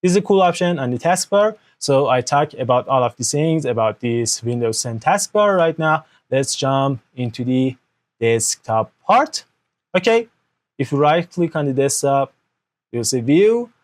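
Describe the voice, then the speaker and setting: A young man with Persian as his first language hosts a screen-recorded software tutorial, speaking in a medium-pitched voice into an external mic at his indoor desk. He explains things step by step, often checks with "okay?", and his grammar is non-native.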